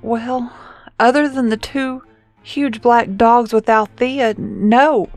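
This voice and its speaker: A woman's voice: a little high, steady tone, takes it slowly, a little mellow, dry recording, soft background music, voice pushed up. A woman reading a horror story, voicing a frightened teenage girl who pleads breathlessly for help.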